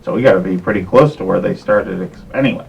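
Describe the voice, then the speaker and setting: A man chatting casually as a tabletop game player, working out his plans aloud in a halting way. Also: low voice, vocal fry, muffled recording, slight background noise.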